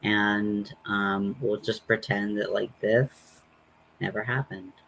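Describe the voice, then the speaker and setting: A man with a slightly low voice hosts a casual makeup tutorial. He speaks very slowly, rambling and poking fun at himself. Faint noise sits behind his voice. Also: steady tone, vocal fry, fairly bright tone, poor audio. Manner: rambling, self-deprecating. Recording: noticeable background noise.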